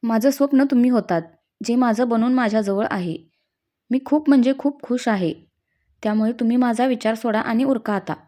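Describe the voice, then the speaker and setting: Brief: woman reading as a shy, caring new bride in a story, mellow tone. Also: fairly high pitch, fairly quick, close to an everyday voice. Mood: loving. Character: young newlywed bride, caring and bashful.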